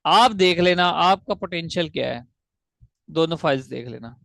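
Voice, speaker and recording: A man teaching an online English grammar class, explaining step by step, slowly spelling out syllables and asking the class questions. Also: a little high, expressive, vocal fry, a bit bright, dry recording.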